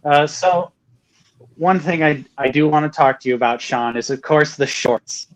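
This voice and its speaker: A man's voice: fairly high pitch, moderate pace, rough recording. A man co-hosting a casual livestream, talking earnestly with emphatic repeats and fillers. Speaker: co-host.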